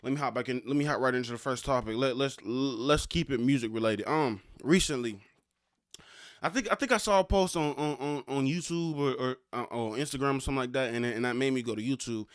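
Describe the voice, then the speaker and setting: A man's voice: medium pitch, fairly quick, no echo, clean studio sound. A young man hosting a solo podcast, talking loosely in slang and stumbling over repeated words as he goes. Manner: stammering, loose slangy rap-fan talk. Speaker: podcast host. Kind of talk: casual solo podcast monologue.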